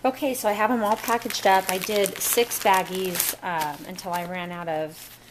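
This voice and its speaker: A woman's voice: mid-range voice, steady tone, moderate pace, noisy background. A woman walking through a recipe step by step in a casual kitchen demo at a home counter, recorded on the camera mic. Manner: chatty, step-by-step instructions. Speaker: cooking vlogger.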